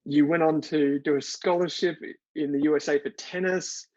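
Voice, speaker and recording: A man's voice: a little high, steady tone, normal speed, a little mellow, highs cut off. An Australian man hosting a podcast, asking casual, hesitant questions with fillers. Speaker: podcast host. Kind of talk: interview conversation.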